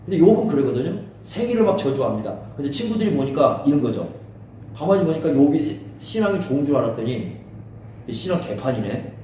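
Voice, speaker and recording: A man's voice: fairly high pitch, very animated, quick pace, mellow. A man teaching a Bible study as a pastor, asking his listeners questions and acting out quotes in a raised voice. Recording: very echoey room, speaker far from mic, faint hiss.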